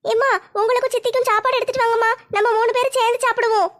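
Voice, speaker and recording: A woman's voice: extremely high pitch, flat delivery, very fast, fairly bright tone. A woman voicing a sweet, eager young female college student in a homemade comedy skit, chatty and questioning. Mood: curious.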